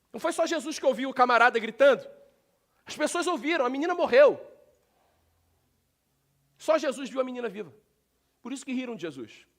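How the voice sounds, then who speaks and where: A man with a Brazilian Portuguese accent preaching a sermon in a church, talking directly to the congregation and breaking into sudden loud shouts. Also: extremely high pitch. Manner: animated, talks directly to the congregation. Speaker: pastor. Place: church sanctuary.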